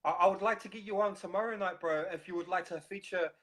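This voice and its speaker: A man with a broad New Zealand accent hosts a casual live stream. His delivery is halting, with pauses breaking up his sentences as he addresses viewers and guests. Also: high-pitched, a bit bright, slight background noise. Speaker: host of a recovery live stream.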